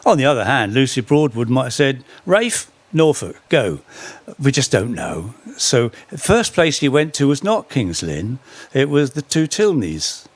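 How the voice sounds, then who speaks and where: Man telling history with lively pitch. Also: dry recording. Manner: anecdotal, with wry humorous asides. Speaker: speaker on folk song history. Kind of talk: storytelling talk.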